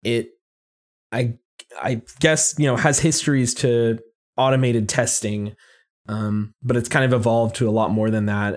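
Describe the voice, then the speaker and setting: Conversational man with a mid-pitched voice. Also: darkish tone. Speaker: podcast co-host. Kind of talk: casual technical explanation.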